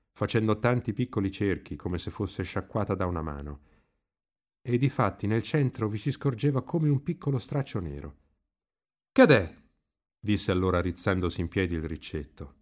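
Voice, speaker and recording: A man reading a novel aloud in an expressive, lively literary narration. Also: low-pitched. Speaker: reader.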